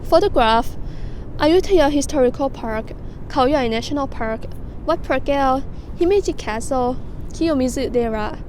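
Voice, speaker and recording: A woman's voice: high voice, darkish tone, a little hiss or hum, poor audio. A young woman from Thailand with a Thai accent, a student vlogger reading her essays aloud and explaining them casually, with many "like" fillers. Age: young adult.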